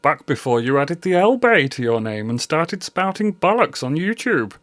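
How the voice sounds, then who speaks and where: A man's voice: fairly high pitch, very animated, moderate pace, a bit bright, no echo, voice pushed up. A man playing a smug, scolding ghost of the past in a comedy sketch. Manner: lofty, scolding, theatrical.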